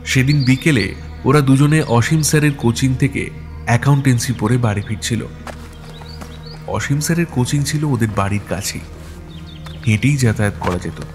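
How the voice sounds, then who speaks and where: A man reads an audio story in a steady, measured narration. His voice sits at an ordinary, mid-range pitch. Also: soft background music.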